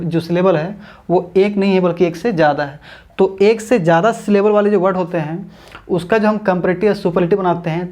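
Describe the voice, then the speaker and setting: A man teaching an English grammar lesson online, explaining step by step, repeating his points, drawing out example words slowly and calling viewers his friends. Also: high voice, darkish tone.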